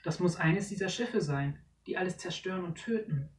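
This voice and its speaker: The narrator of a storybook voicing an eager young female fish who calls out excitedly, in an echoey room with a distant mic. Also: mid-range voice, moderate pace, natural voice. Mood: panicked.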